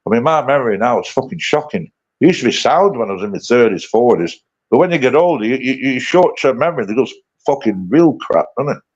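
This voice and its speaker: A man's voice: medium pitch, animated, fast, darkish tone, husky. A man in his late fifties chatting casually on a livestream, blunt and sweary, rambling through his banter. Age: 50s. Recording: dull lo-fi stream audio.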